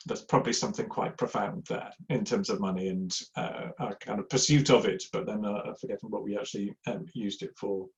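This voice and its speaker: A man's voice: lowish voice, steady tone, brisk, creaky, few pauses. A middle-aged man, giving a rambling, anecdotal, self-deprecating talk on giving to a live audience, with plenty of ums and uhs. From Yorkshire, England. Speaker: church giving speaker. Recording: slightly dull lo-fi sound.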